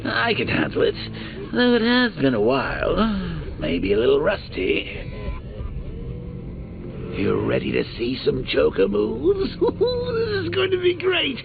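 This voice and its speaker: An actor playing a gleefully sadistic, taunting clown villain in a video game, with a gravelly voice and a mocking, theatrical delivery. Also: male voice, wildly swooping pitch, a little slow, pauses often, narrow, tinny audio, music in the background, full character voice. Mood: scheming glee. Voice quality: gravelly, creaky voice with shrill swoops.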